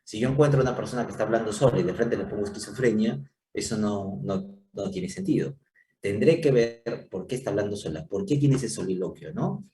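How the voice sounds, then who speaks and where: A man's voice: on the low side, expressive, a little fast, mellow. Man lecturing in an echoey room. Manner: explanatory, checks in with frequent rhetorical questions. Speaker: psychiatry lecturer. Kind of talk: university lecture. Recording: echoey room, distant mic, faint noise.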